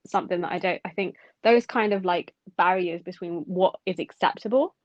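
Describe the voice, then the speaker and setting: Co-hosting a podcast, a young Londoner muses aloud in relaxed conversation, using plenty of filler words. Her voice is fairly low-pitched and moves at a moderate pace, recorded with no echo in dull, dry lo-fi audio.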